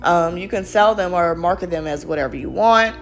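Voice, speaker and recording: A woman's voice: fairly low pitch, fairly quick. A young woman, chatting and rambling in a casual voice-over about her crafts. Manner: chatty and rambling, lots of fillers. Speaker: craft vlogger. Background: faint background music.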